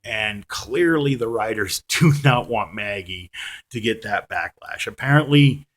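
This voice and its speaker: Reviewing a TV episode for his viewers, this male vlogger speaks in a lowish, slightly bright voice at a measured pace, animated throughout. His casual rant wanders, full of self-deprecation, restarts and repeated "you know"s.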